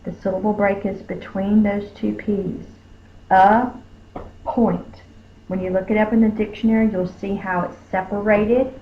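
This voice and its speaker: A woman teacher, slowly sounding out letters and sounds in a phonics spelling lesson. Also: mid-range voice, little pitch movement, a little hiss or hum. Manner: slow, careful, sounding out each letter. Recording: tinny phone-like lo-fi recording.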